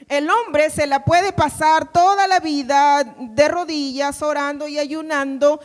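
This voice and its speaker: A woman pastor giving an emphatic sermon, repeating phrases and having the congregation say lines back. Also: sits high. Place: church. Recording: long hall reverb.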